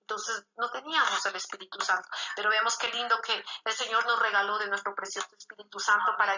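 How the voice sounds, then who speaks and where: A woman's voice: a little high, pushed and bright. A woman pastor preaching a sermon, often breaking in with praise exclamations. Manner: peppers speech with "gloria a Dios" exclamations. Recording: roomy, slightly dull recording.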